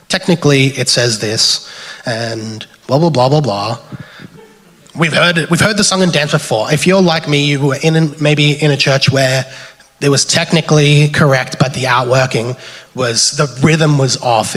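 A man's voice: mid-range voice, a bit bright. A man giving a loose, conversational sermon in a church hall and leading a closing prayer, often tagging his points with "right?". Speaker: preacher. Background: keyboard music playing behind.

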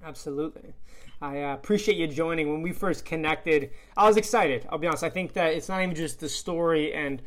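A man's voice: a little high, fairly quick, fairly bright tone. A man hosting a podcast in a casual interview, earnest and rambling with many fillers. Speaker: podcast host.

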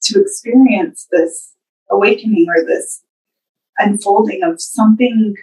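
A woman's voice: medium pitch, unhurried, recorded from a distance, low-quality recording. Encouraging woman podcast host. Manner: warm, encouraging, affirming. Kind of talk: supportive interview chat.

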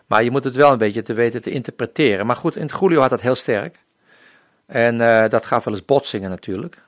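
Man from the Netherlands, missionary telling his testimony, earnest storyteller, mid-pitched voice, dry close sound. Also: a little fast, dry recording. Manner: earnest storytelling, often acting out remembered dialogue. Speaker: missionary guest. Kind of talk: personal faith testimony in an interview.

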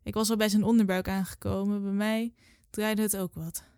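A woman in her twenties reading her own literary story aloud in a calm, measured way. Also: medium pitch, smooth, no echo, clean studio sound. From Netherlands. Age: 20s.

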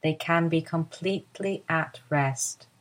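A woman with a low voice leads a slow, calm body-awareness session. Her delivery is soft and soothing, unhurried from line to line. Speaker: movement teacher guiding a lie-down. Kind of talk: guided body-awareness instruction.

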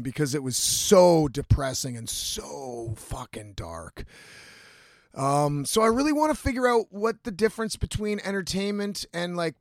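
Recorded at studio quality with no room sound, a thirtysomething singer-songwriter with a fairly high voice talks through his solo podcast. It's casual and confessional, full of candid rambling and free swearing.

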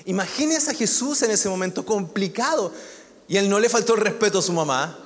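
A man's voice: sits high, expressive, brisk, long reverb tail. A man preaching a sermon, conversational and joking, with asides to the congregation. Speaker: pastor.

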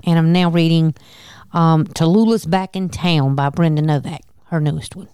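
A woman co-hosts a casual chat from a farm. Her voice is mellow and smooth, recorded dry, and she answers briefly and agreeably. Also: low voice, normal speed, no room sound. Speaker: co-host. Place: at a family farm.

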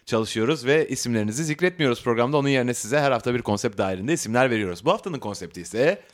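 A man's voice: medium pitch, lively intonation, racing. A man hosting an advice podcast, joking with his co-hosts and reading a listener letter aloud in a playful tone. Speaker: podcast host.

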